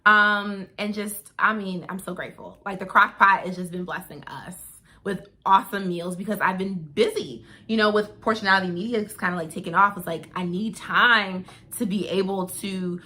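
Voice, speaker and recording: A woman with a bright, forward voice at an average pitch chats casually as a show co-host. She tells stories with emphasis and folksy asides to the listener. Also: moderate pace. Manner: emphatic storytelling with folksy asides like "honey" and "baby". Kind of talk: casual chat.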